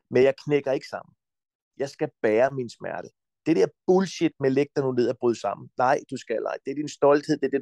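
A Danish man talking as a podcast guest, giving forceful advice bluntly and insistently, with frequent swearing. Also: medium pitch, creaky, no room sound.

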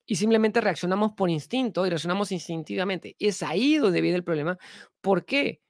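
A man's voice: high voice, animated, fairly quick, no echo, clean studio sound. A man giving a spiritual talk to an audience, asking rhetorical questions and repeating himself for emphasis. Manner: repetitive, full of rhetorical questions; earnest, with sudden emphatic swings. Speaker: spiritual teacher.

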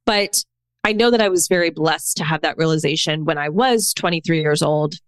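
A woman's voice: low-pitched, brisk, clean tone, no echo. A woman in her thirties, a podcast guest, talking candidly and casually, full of "like" and "right?". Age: 30s. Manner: candid, chatty, peppers speech with "like" and "right?". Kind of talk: casual conversational storytelling.

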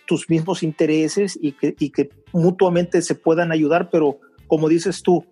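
Mellow middle-aged man. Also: on the high side, steady tone, slightly rough, soft background music. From Mexico (Veracruz). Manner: unhurried, many restarts and fillers. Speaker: interview guest. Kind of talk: conversational interview.

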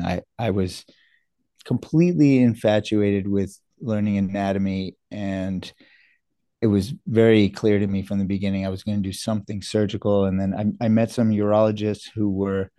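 A middle-aged man from New York talks as a guest in a casual interview, earnest and a little self-deprecating. His voice sits low and warm. The recording is close and dry, with little room sound. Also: no echo. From New York, USA. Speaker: guest surgeon.

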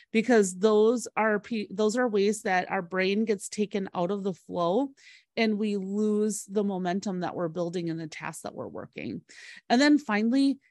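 A woman's voice: medium pitch, no room sound, clean studio sound. A woman co-hosting a podcast, giving organized, step-by-step practical advice straight to the listener in an instructive way. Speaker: podcast co-host and business coach.

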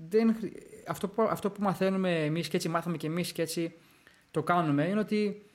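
Young male podcast co-host, slightly high voice, animated and quick. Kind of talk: casual podcast chat.

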